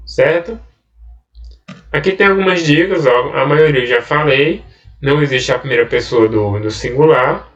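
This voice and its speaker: A man's voice: on the high side, echoey room, distant mic. A Brazilian male Portuguese teacher giving a recorded online grammar lesson, explaining patiently and often checking in with "né?" and "tá?".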